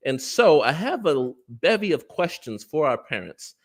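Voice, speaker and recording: A man with a New Jersey American accent hosts a parent panel on a video call as a parent relations executive, keeping things friendly with frequent laughs and fillers. His voice is a little high, with big pitch swings and a slightly slow pace.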